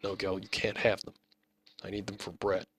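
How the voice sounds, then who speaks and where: A man voicing a small, scrawny orphan beggar boy who speaks quietly and guardedly in an audiobook. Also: low voice, monotone, normal speed, distant mic, slight background noise. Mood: quiet defiant.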